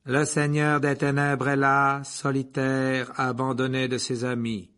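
A man reading an audiobook, voicing an eccentric older female seer who speaks in slow, hushed, breathy tones. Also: medium pitch, completely flat delivery, pitched above the performer's own voice, close to an everyday voice. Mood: harsh trance. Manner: slow, mysterious, then harsh trance voice. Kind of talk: audiobook character voice.

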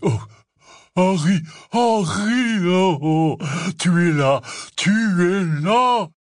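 A man voicing a huge, big-hearted bearded half-giant gamekeeper who talks loud, breathless and gushing. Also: fairly low pitch, steady tone, slow pace, husky, dry recording, clean studio sound. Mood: overjoyed.

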